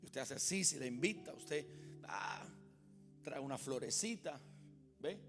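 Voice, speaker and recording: A male pastor preaching a sermon, animated and full of stories, often asking the congregation questions. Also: mid-range voice, unhurried, long reverb tail, faint music behind. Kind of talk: sermon with humorous personal stories. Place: church sanctuary.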